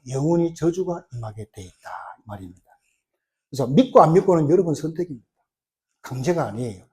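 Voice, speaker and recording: A middle-aged man preaching a sermon as pastor, in a conversational way with sudden loud bursts. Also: fairly high pitch.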